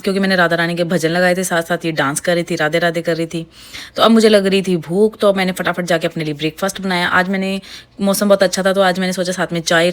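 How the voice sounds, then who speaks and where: A woman narrates her family's daily routine as a vlog voice-over. She speaks fast in a slightly low register, chatty and homely, with English words slipped in. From India. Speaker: vlogger, mother of two.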